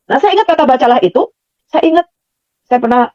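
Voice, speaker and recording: A woman's voice: high-pitched, expressive, fairly quick, no echo, muffled recording. A middle-aged woman giving an earnest personal testimony, repeating phrases for emphasis. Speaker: testimony speaker.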